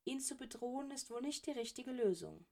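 A woman's voice: high-pitched, animated, brisk, gravelly, voice pushed up, exaggerated voice. A woman reading as a cheerful, unflappable elderly male headmaster wizard in a storybook, her voice raised and soothing. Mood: fatherly. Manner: bright, soothing, jovial. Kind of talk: audiobook character reading.

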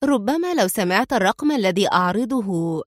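A woman's voice: mid-range voice, expressive, a little fast, no echo, clean studio sound, close to an everyday voice. A woman reading a sly, charming female spy. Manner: sweet on the surface, sly underneath.

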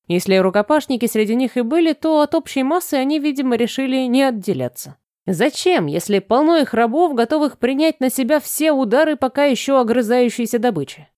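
A woman narrates a fantasy audiobook in an even, measured way. Her voice sits fairly high. The recording is dry and close, with no room sound. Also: no echo.

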